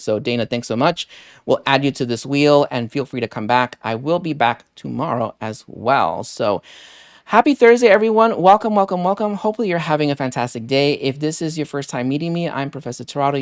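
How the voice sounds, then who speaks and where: A man's voice: mid-range voice, smooth, no echo, clean studio sound. A man hosting a live deals stream, chatting casually and rambling with many fillers while thanking viewers by name. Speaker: livestream deals host.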